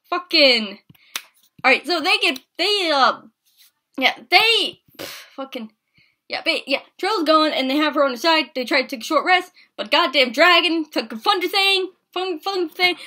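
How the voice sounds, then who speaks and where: Female vlogger, high bright voice; rambling, profane, emotional recap. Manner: rambling, swearing, emotional, with many restarts. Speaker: podcast recap reviewer. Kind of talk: casual episode recap.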